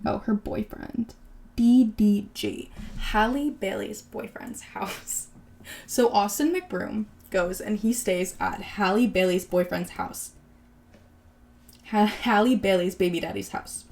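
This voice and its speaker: A woman's voice: medium pitch, slow pace, creaky, darkish tone. A woman in her twenties hosting a podcast, chatting casually and sarcastically about celebrity gossip, with lots of "like". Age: 20s. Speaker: podcast host.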